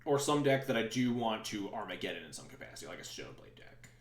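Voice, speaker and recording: A man's voice: fairly low pitch, sing-song, fast talker, echoey room. A man streaming a card game, thinking aloud in rambling, sometimes sarcastic casual commentary.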